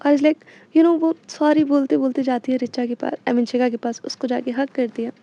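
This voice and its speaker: A woman's voice: sits high, level tone, moderate pace, mellow, dull audio. A woman telling a romance story in casual chat, full of English fillers. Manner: chatty, mixes in English fillers like "you know".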